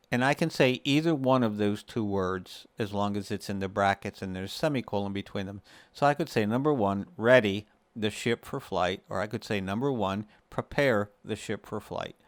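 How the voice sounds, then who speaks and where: With a lowish voice and no echo in the recording, the man runs a casual screen-share gaming tutorial, breaking things down step by step as if chatting with a friend.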